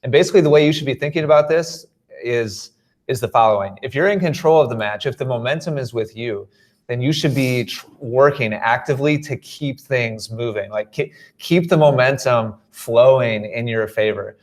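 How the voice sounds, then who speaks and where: A man's voice: medium pitch, normal speed. Man hosting a live tennis chat. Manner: hesitant, frequent uh fillers and restarts. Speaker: host and tennis coach. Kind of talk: live coaching panel chat.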